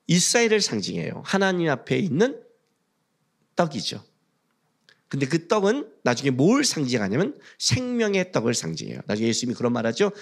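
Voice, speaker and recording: Animated Korean pastor, lively high voice. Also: male voice. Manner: animated, asks the congregation questions; acts out prayers and voices of churchgoers. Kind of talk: sermon. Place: church sanctuary.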